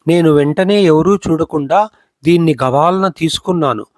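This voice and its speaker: A man's voice: a little high, normal speed, dry recording, clean studio sound, close to an everyday voice. A man voicing an eager young girl. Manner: hushed, eager. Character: excited young granddaughter.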